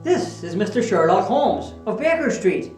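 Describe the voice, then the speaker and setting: An actor playing a weary, gruffly sardonic Victorian police inspector, blunt and colloquial in film dialogue. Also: male voice, high-pitched, sing-song, normal speed, darkish tone. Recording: reverberant hall sound with faint music.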